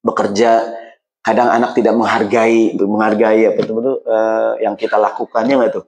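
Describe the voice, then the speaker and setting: Lively man preaching. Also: lowish voice, moderate pace, creaky. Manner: keeps asking the listeners "right or not?"; acts out quarrels in everyday voices. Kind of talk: casual humorous sermon.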